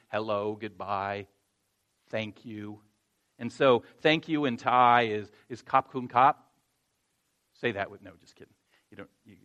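This pastor's voice is a little high, bright, and pushed. Speaking conversationally and laughing at himself, he recounts a personal story and then builds to earnestly urging his congregation.

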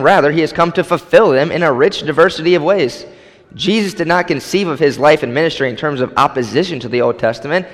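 A man preaching from the pulpit in an emphatic sermon voice, pitched a little higher than most men. He leans on key phrases and repeats them for weight. His voice carries a long reverb through a church sanctuary. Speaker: pastor.

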